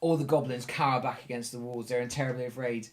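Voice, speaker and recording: A man's voice: mid-range voice, fairly even intonation, quick pace, slight background noise. A man running a tabletop game as dungeon master, narrating with enthusiasm. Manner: enthusiastic, narrating, laughs often.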